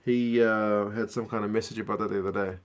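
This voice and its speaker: With a low-leaning voice and fast delivery, a young man chats casually on a rugby watch-along stream and reads viewer messages aloud. He's relaxed, slangy and chatty, and his New Zealand accent is muddled by years living abroad.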